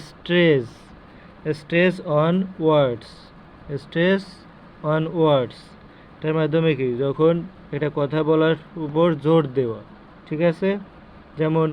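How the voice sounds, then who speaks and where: Man teaching slowly, dull lo-fi audio. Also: a little high. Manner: explains each term slowly, repeats words, mixes in English. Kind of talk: lesson explaining a chart. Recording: dull lo-fi audio with faint noise.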